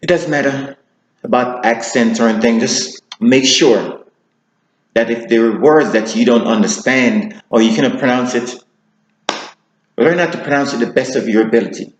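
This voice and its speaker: A man teaching public speaking, talking to camera and deliberately shifting his pace, slowing down for emphasis. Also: medium pitch, roomy sound, rough recording. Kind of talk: instructional talk to camera.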